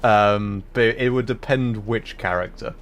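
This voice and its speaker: Game ambience and faint noise accompany a lowish, unhurried male voice. He is livestreaming, working through the puzzles bit by bit as he thinks aloud, in a casual and hesitant manner.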